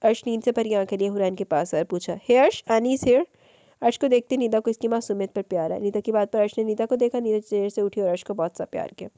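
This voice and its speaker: A woman narrating a romance novel as an audiobook in a steady storytelling manner. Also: mid-range voice, quick pace, hardly any pauses, no echo.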